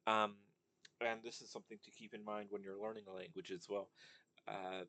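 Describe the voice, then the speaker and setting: A young man with a very low voice talks through his thoughts in a loose, unscripted monologue. He circles back often, leaning on fillers and restarting his sentences. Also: flat delivery, a little fast, pushed and bright. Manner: rambling, many fillers and restarts. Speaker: commentator on language. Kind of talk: casual monologue.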